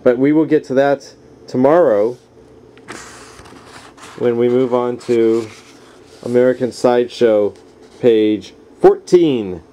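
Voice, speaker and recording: At home with the household around him, a man reads a nonfiction book aloud in a relaxed, informal way, dropping in casual asides. His voice is medium-pitched and dark, and he goes slowly with frequent pauses. It's a noisy home camera recording.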